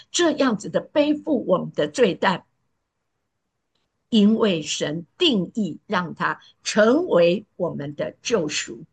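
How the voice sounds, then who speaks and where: A woman preaching a sermon in an earnest, emphatic way, sometimes sinking to a soft pleading tone. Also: medium pitch, slightly rough.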